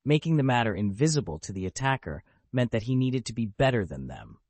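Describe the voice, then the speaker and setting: A man narrating an audiobook with a steady, literal reading of the text. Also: medium pitch, fairly quick, no room sound. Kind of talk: scripted narration.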